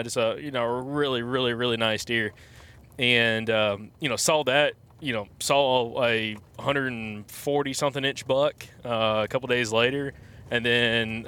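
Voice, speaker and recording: A man's voice: medium pitch, pushed and bright. A man telling stories casually as a podcast guest inside a truck. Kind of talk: casual chat, storytelling. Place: inside a truck being driven.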